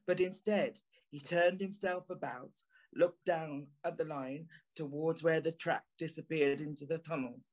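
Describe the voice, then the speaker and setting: In a dramatic first-person audio play, a man narrates as a haunted, remorseful journalist recalling an eerie encounter, his phrasing brooding and theatrical in a hushed, uneasy mood. His voice sits on the high side with a darkish tone.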